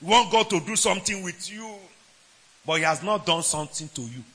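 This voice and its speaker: Preacher guy, shouting then dropping low, high gravelly voice, bright and forceful. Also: lively intonation, brisk. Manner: dramatic, swings from shouts to low asides; asks the congregation questions, laughs between points. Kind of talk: sermon.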